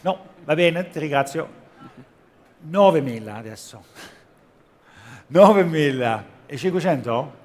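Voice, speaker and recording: A man's voice: on the high side, animated, measured pace, pauses often, darkish tone. A man working as an auctioneer, calling bids in a repetitive chant at a live auction and switching between languages. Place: auction room.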